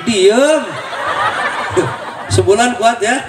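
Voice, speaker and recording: At a crowded mosque gathering, an Indonesian preacher delivers a funny sermon, teasing listeners with questions and jokes in a very high voice that draws out his words. He sounds distant in the echoing hall, with crowd noise around him.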